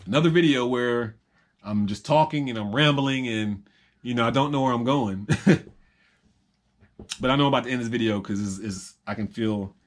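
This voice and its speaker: A man's voice: mid-range voice, moderate pace, long pauses, slight background noise. A young man in a rambling, reflective personal monologue to camera, full of ums and repeated phrases. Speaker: vlogger.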